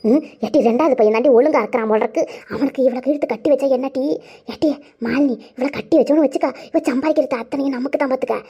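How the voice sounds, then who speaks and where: A woman's voice: high-pitched, fast talker, warm tone, breathy edge, dull audio. Woman voicing a scheming village aunt. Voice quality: scolding, wheedling. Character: scheming middle-aged village aunt, grasping and jealous. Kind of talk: cartoon voice acting.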